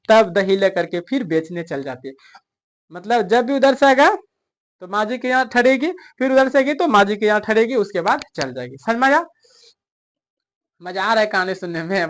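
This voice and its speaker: A man's voice: high-pitched, fairly bright tone. Chatty male teacher. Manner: keeps quizzing the listener, chatty and coaxing. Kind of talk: explaining a story in a recorded lesson.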